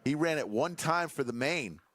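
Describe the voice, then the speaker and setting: A man's voice: a little high, expressive, moderate pace, a bit bright. A man giving live play-by-play commentary on a poker game, steadily announcing bets and cards.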